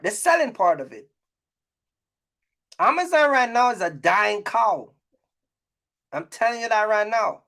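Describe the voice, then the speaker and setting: A YouTube host who creates trucking business content speaks to his viewers in a distinctly high, creaky voice with a sharp tone. His vlog delivery is casual, colloquial and opinionated, and he repeats himself to drive each point home emphatically.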